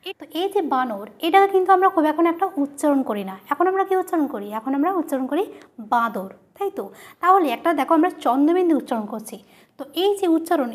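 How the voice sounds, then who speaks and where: A woman teacher giving a grammar lesson, who asks questions and answers them herself, repeating each key term. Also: sits high.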